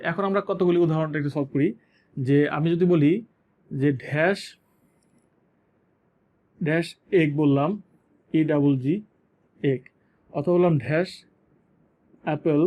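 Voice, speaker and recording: A man from Bangladesh teaching English grammar, repeating sounds and words slowly and asking and answering his own questions. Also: on the high side, dark tone. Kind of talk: classroom lesson.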